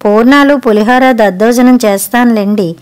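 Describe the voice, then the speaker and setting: A woman's voice: on the high side, moderate pace, a little mellow, clean tone, natural voice. A woman voicing a tired housewife who complains about her husband in a storybook reading. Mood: plaintive. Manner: complaining, plaintive. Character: harried housewife, weary and put-upon.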